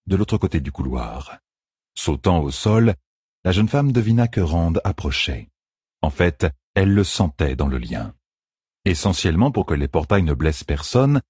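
A man narrating a fantasy novel in a measured, dramatic reading, close to the mic. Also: deep voice, a little mellow, breathy edge, no echo. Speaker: audiobook narrator.

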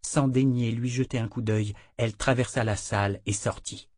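A man narrating a fantasy novel in a measured reading voice, voicing the dialogue himself. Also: mid-range voice, fairly even intonation, darkish tone, dry recording, studio quality. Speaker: audiobook narrator.

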